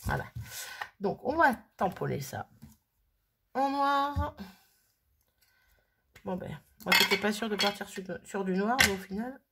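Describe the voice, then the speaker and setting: A woman's voice: mid-range voice, lively intonation, fairly quick, creaky, hardly any pauses, noisy background. A woman casually thinking aloud as she works on a craft project, chatting and muttering to herself at her worktable. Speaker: crafting vlogger.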